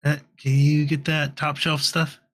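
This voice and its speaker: A man's voice: fairly high pitch, monotone, measured pace. A man playing a tabletop game, chatting casually as a player.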